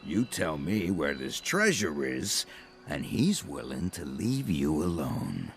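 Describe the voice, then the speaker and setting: A man's voice: rumbling low, wildly swooping pitch, takes it slowly, vocal fry, exaggerated voice. An actor playing a menacing male gang henchman in a game, taunting and threatening with a drawl. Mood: smooth menace. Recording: loud background ambient noise.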